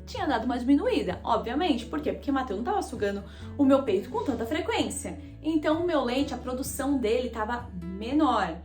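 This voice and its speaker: This young Brazilian woman, whose accent is Brazilian Portuguese, tells her viewers a personal tale, chatty and confessional, calling them "gente." Her high voice is a bit bright, and the room is echoey.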